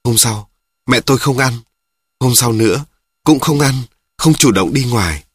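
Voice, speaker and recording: A man narrating a first-person story in a plain, measured, somber way. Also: mid-range voice, husky, dry recording.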